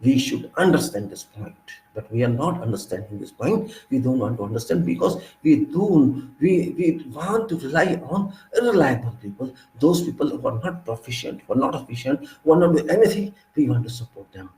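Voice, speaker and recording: A man, delivering a forceful political monologue in a lecturing, repetitive way with sudden loud rises. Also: mid-range voice, animated, brisk, hardly any pauses. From India. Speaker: political commentator. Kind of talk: monologue speech. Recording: echoey room with faint ambience.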